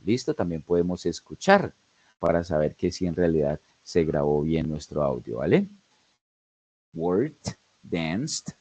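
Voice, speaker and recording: A man's voice: sits low, mellow, dry recording, highs cut off. Male tutor, frequent check-ins with learners, dry close sound. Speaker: English pronunciation tutor. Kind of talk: online lesson narration.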